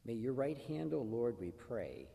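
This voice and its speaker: Solemn priest in an echoey church. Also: male voice, mid-range voice, very animated, gravelly, warm tone. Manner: measured, solemn recitation. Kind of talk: liturgical reading and prayer at Mass.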